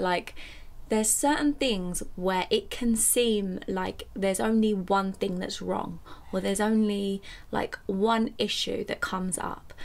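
A woman's voice: mid-range voice, creaky. A young adult woman chatting casually to camera in a conversational, reflective way, repeating phrases for emphasis. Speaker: YouTuber and independent musician. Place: small furnished room at home, indoors.

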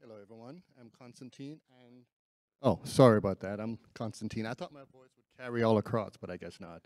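A soft-spoken man, a company founder, speaking from the audience off the mic and sounding far away. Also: lowish voice, fairly quick, dry recording. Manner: soft-spoken, self-deprecating. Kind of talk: audience pitch. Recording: faint, distant voice.

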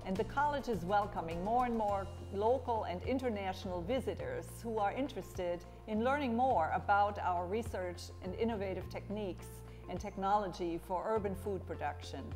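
A woman host giving a measured, formal narration as dean of a college. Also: mid-range voice, a little mellow, big-room sound, soft background music. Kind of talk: scripted narration and interview questions.

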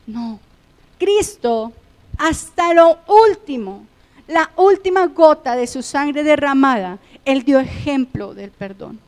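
A woman pastor with a Colombian accent preaching a sermon, passionately swinging between loud emphatic lines and hushed, soft ones. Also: high voice, in a large hall.

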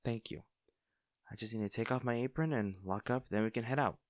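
A man's natural, medium-pitched voice moves briskly in a studio-quality recording without room sound. He portrays a gentle young barista nursing a shy crush, reassuring the listener tenderly and a little hesitantly in conversational intimate comfort audio.

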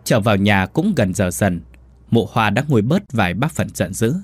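A man telling a horror story in a dramatic, expressive audiobook narration. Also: fairly low pitch, normal speed, slightly rough, dry recording.

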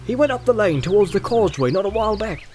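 A man voicing a gruff, hearty hobbit farmer in a storybook reading, with a growl and rustic, folksy talk. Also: high-pitched, expressive, quick pace, a little mellow, slight background noise, voice pushed up. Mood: suspicious, chatty. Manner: rustic, folksy turns of phrase. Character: gruff, hearty, thick-set hobbit farmer, suspicious but welcoming.

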